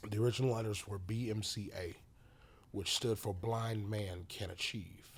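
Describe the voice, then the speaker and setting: A man telling his personal story as a podcast guest, halting and full of restarts, sometimes dropping to a whisper. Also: lowish voice, fairly even intonation, breathy edge. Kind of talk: emotional personal testimony.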